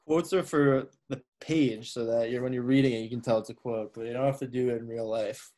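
A man co-hosts a relaxed podcast conversation, voicing opinions and jokes about everyday quirks. His voice sits at a middle pitch, and his delivery is loose and conversational. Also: fairly quick. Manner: opinionated, joking, explaining pet peeves. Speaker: podcast co-host. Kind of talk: casual chat.

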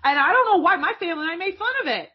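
A woman in casual chat, telling animated stories and swearing freely. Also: extremely high pitch, rapid-fire. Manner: profane, animated storyteller. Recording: dull lo-fi audio.

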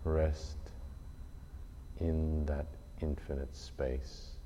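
A man leading a guided meditation in a soothing, unhurried delivery, leaving long pauses between short phrases. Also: extremely low pitch, flat delivery, dark tone. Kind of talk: slow guided meditation narration. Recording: muffled lo-fi, faint noise.

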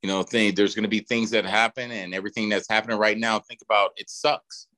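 Low-voiced rambling man, casual guest. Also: fairly even intonation, fast, bright, forceful tone. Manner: rambling, drawling talk with frequent fillers and restarts. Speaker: podcast guest. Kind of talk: casual podcast chat.

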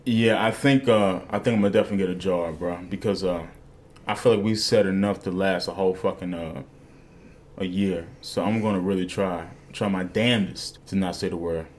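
A man's voice: low-pitched, steady tone, fairly quick, a little mellow, slight background noise. A young adult man hosting a podcast, telling rambling, profanity-laced stories in casual banter with his co-hosts. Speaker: podcast host.

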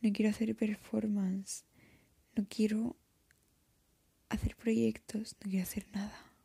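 A young woman whispers her thoughts straight to the camera. Her voice is very breathy with a gravelly edge, and the sound is dry and close. She speaks hesitantly and reflectively, like a confession. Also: mid-range voice, level tone, measured pace, mellow, dry recording. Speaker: art student.

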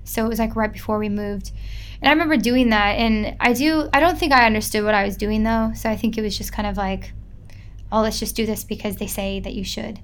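A woman's voice: mid-range voice, a little fast, a bit bright, slight background noise. A young woman, chatting casually as an interview guest and filling her talk with "like". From Midwest United States. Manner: chatty, lots of filler "like".

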